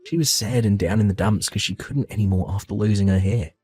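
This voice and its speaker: Low husky man narrating a family story. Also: brisk, no echo, soft background music. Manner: calm, reassuring, heartfelt. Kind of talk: first-person story narration with acted dialogue.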